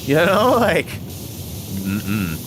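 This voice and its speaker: A channel host in his forties chats casually over gameplay, rambling with many fillers and frequent chuckles. His medium-pitched voice swings hugely in pitch and draws words out, with background noise present.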